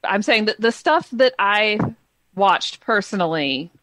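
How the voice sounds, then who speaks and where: A woman's voice: medium pitch, animated, a little slow, fairly bright tone. A woman co-hosting a podcast review in casual chat, enthusiastic and talkative, laughing often. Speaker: podcast co-host.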